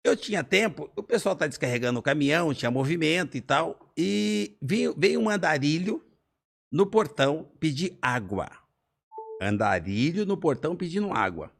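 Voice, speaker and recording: A man's voice: on the high side, moderate pace, vocal fry. A middle-aged man, a business owner telling a personal story in a conversation and acting out the dialogue with animation. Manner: animated, lively storyteller who acts out dialogue. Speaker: business owner, interview guest.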